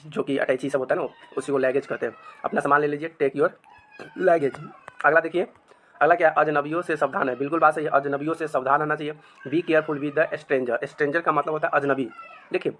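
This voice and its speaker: A man teaching spoken English. He says each sentence very slowly and repeats it. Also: on the high side, a bit bright, a little hiss or hum.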